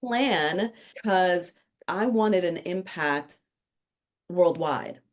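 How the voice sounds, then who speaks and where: On a podcast, an author and consultant from the Dominican Republic, a middle-aged woman, tells her career story in a relaxed, joking interview. She talks very slowly in a lowish voice.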